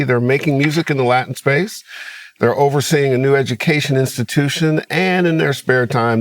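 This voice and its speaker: A man's voice: medium pitch, no room sound. An upbeat man hosting a music talk show, with a mid-range voice. The sound is dry and close, with no room around it. He chats easily and runs through announcements before bringing in his guests. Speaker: podcast host. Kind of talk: casual studio talk show.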